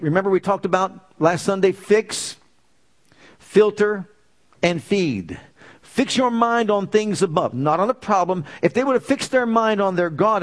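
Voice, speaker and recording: High-voiced man preaching a sermon. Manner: emphatic preaching with repeated declarations. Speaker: pastor.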